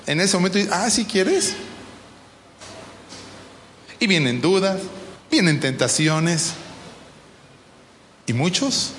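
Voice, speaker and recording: A man's voice: sits high, fairly bright tone, slight background noise. A pastor preaching a sermon in a church, emphatic, quizzing his congregation with questions as he teaches. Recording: long reverb of a large hall.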